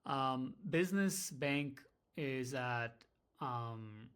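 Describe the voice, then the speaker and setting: A man's voice: medium pitch, animated, very slow, a bit bright. A man talking candidly in a casual vlog about his small business, rambling, swearing and running himself down. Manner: rambling, candid, profane, self-deprecating. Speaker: small business owner vlogging.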